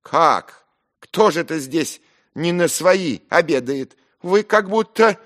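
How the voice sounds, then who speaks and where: A man's voice: lively intonation, slow, fairly bright tone. A man voicing an insolent, spiteful young man who sneers and giggles. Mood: indignant. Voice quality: shrill, sneering.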